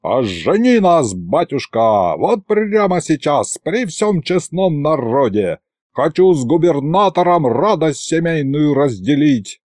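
Man voicing a brash young village lad in a storybook, eager, slow and raised in pitch. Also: big pitch swings, no room sound, studio quality. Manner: eager, loud.

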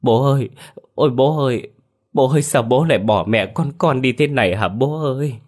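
A man's voice: mid-range voice, normal speed, darkish tone, pitched above the performer's own voice, close to an everyday voice. A man voicing a grown son who cries out and wails in grief in a spoken horror story. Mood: wailing. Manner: crying, wailing calls.

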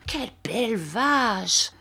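A woman reading the part of a warm, emotional elderly peasant foster mother in an audiobook, with exclamations and soft affection. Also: lowish voice, lively intonation, a little slow. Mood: affectionate.

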